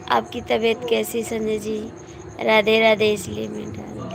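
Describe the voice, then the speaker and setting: A woman's voice: a little high, vocal fry, noisy background. A woman with a cough and cold, chatting casually and teasing viewers on a live stream, laughing often, with an Awadhi accent.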